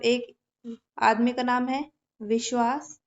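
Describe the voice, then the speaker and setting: Woman teacher, high voice, slow and patient, checks in often. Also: level tone, dull audio. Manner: explains patiently, repeats words, checks in often. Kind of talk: exam-prep lesson with memory tricks.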